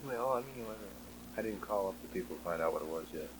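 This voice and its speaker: Quick, low-voiced man, casual radio sidekick. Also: lively intonation. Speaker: radio studio sidekick and engineer. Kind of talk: casual off-the-cuff banter. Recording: noisy 1960s radio tape, somewhat distant.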